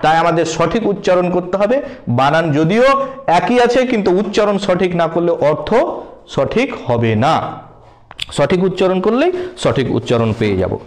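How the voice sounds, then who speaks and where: A man's voice: high voice, animated, poor audio. A man teaching English grammar in a spoken lesson, repeating points and spelling words out letter by letter while calling his viewers friends. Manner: repetitive, spells words out letter by letter, slow deliberate emphasis. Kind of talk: spoken lesson explaining word meanings.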